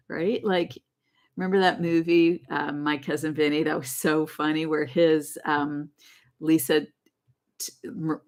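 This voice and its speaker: Low-voiced woman hosting a rambling spiritual livestream. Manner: rambling, self-correcting, laughs often. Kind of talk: casual live-stream talk.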